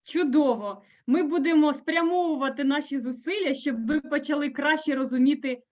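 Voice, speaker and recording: High-voiced Ukrainian woman moderating, dull audio. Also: moderate pace, a little mellow. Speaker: conference moderator. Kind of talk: formal session moderation.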